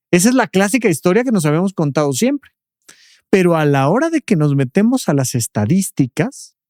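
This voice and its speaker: On a podcast, a man appears as a doctor and expert guest, explaining things patiently and often ending a point with a questioning tag. His voice is a little high yet darkish in tone. The studio recording is dry and close, with no room sound at all.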